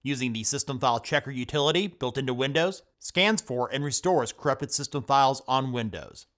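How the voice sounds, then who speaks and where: A man hosting a computer help tutorial, reading scripted step-by-step instructions in a steady voice-over. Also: mid-range voice, fairly quick. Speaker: tech tutorial host. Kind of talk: scripted screen-recording voice-over.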